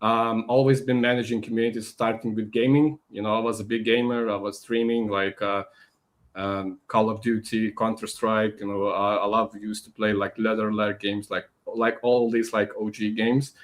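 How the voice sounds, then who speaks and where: A man in his thirties from Lithuania, speaking English in a casual, halting way as he introduces himself. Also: on the low side, flat delivery. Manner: halting, searching for words. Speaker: community lead. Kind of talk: casual chat.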